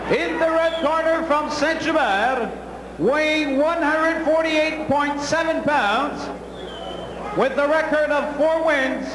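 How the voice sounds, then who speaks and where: A man's voice: extremely high pitch, slow. A man working as a boxing ring announcer, making formal, declamatory introductions and drawing out the boxers' names. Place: indoor boxing arena over loudspeakers. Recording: echoing arena PA, long reverb, noisy.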